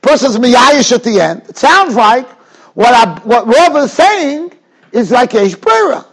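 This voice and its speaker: A man giving an informal, animated religious lecture, in an emphatic, questioning way full of rhetorical tags. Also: very high-pitched, measured pace. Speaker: Talmud teacher.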